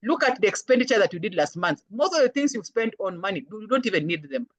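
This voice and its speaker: A woman with a Kenyan accent giving a lively counseling talk, acting out little voices when she quotes people. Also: medium pitch, fast, dry recording, highs cut off. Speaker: guest speaker, counselor. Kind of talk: lecture-style talk.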